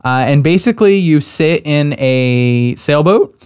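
A young man hosting a podcast, chatting casually and laughing often between quick asides. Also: fairly high pitch, expressive, darkish tone, clean tone. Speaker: podcast host. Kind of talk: casual chat.

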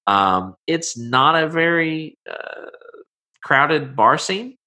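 A man improvising narration as game master of a tabletop game, informal, halting and folksy. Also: on the high side, expressive, sharp tone.

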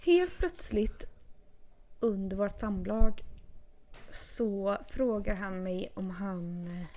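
A woman co-hosting a casual podcast, her voice full of vocal fry. She tells her story hesitantly, in a dry, halting way, at an ordinary pitch. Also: warm tone. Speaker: podcast co-host.

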